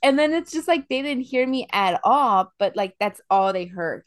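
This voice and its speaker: A young woman co-hosting a casual chat podcast, telling stories in an animated way and acting out the scenes. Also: fairly high pitch, normal speed, dry recording, studio quality. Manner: animated storyteller, acts out scenes. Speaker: podcast co-host.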